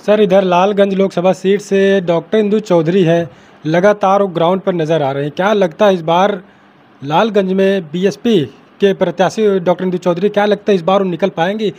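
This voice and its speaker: A man's voice: high voice, steady tone, moderate pace, a little mellow. A male reporter asks a guest questions in an interview and addresses him as sir.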